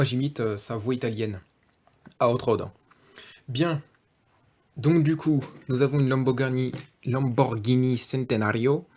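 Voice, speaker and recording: A man's voice: mid-range voice, darkish tone. A man giving a casual off-camera toy review, hesitant, with many fillers and self-corrections.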